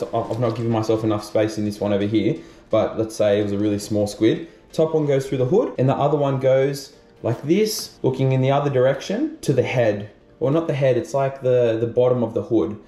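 A man's voice: mid-range voice, warm tone. A young man vlogging and casually explaining his gear step by step, with plenty of "um" and "you know" fillers. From Australia. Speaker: fishing vlogger. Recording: roomy echo.

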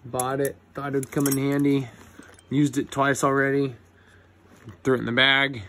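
A young man, an electrician apprentice, showing his tools in a casual vlog, relaxed and cussing freely with lots of ums. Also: medium pitch, unhurried, a little hiss or hum. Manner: laid-back, swears a lot, many ums. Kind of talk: casual tool review vlog.

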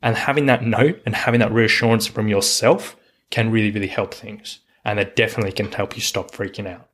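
A man's voice: lowish voice, steady tone, fairly quick, fairly bright tone. A man hosting a solo coaching podcast, talking in an earnest, reassuring way and repeating words for emphasis. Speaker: podcast host, hiking coach.

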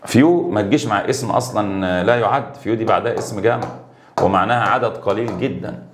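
A man's voice: fairly low pitch, fast, background noise. A man with an Egyptian accent teaching English grammar, going through homework answers step by step and switching between English example sentences and Arabic explanation. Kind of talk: exam homework walkthrough.

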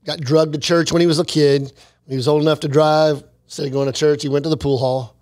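A man in his forties co-hosting a church podcast, talking in an earnest, encouraging way on a close boom mic in a small studio. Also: flat delivery, quick pace, darkish tone, no echo. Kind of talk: casual chat. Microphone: boom mic close to mouth.

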